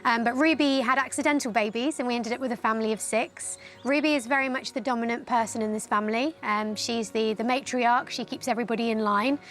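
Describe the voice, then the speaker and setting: Higher-voiced woman explaining as an animal keeper. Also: fairly even intonation, fast, hardly any pauses, fairly bright tone, faint music behind. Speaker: primate care keeper. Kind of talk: informal explanatory documentary interview.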